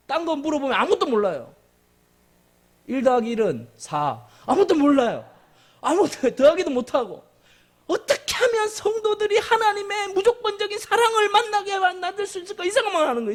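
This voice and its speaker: A man's voice: very high voice, fairly quick. A male pastor preaching a sermon, emphatic and joking, repeating key phrases. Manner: animated and emphatic, with jokes and repetition.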